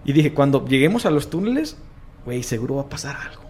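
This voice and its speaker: A man's voice: medium pitch, fast, a little hiss or hum. A man with a Mexican accent telling a paranormal story in casual chat, acting out the voices of the people he quotes. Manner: animated, acts out quoted voices in slang-heavy chat. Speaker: guest storyteller, paranormal content creator.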